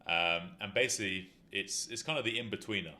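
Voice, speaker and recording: His voice is on the low side, pushed and bright, and he talks briskly. He hosts a fitness talk show and works in injury rehab, explaining topics in a meandering, relaxed way full of "you know" fillers.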